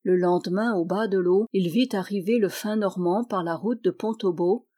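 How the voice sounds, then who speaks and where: A woman narrating a historical novel aloud in a steady audiobook reading. Her voice sits at a middling pitch, and she reads in a lively way, lifting it higher and louder when the villagers speak. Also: normal speed. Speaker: audiobook reader. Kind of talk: scripted narration.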